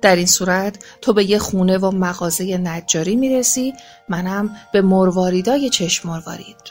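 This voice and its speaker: A woman's voice: medium pitch, faint music behind, natural voice. A woman voicing a greedy, scheming middle-aged goldsmith in a children's storybook, with a sly, wheedling way of talking. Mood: sly persuasion.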